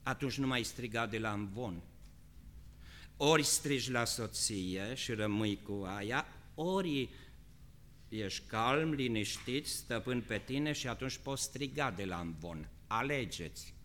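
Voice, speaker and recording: An animated male pastor preaches a sermon, shifting between shouted, drawn-out high passages and quiet, conversational questions.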